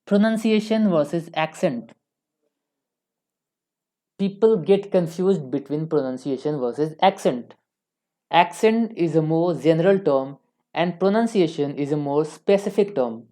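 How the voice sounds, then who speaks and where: A woman's voice: deep voice, lively intonation, unhurried, dark tone. A woman with an Indian accent giving earnest advice as an English tutor, often correcting herself mid-sentence. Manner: earnest, advising, frequent self-corrections. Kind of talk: instructional talk to camera.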